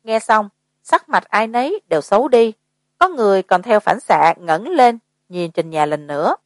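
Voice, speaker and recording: A woman narrating a horror audiobook in an even, measured way. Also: medium pitch, dry recording. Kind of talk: scripted narration.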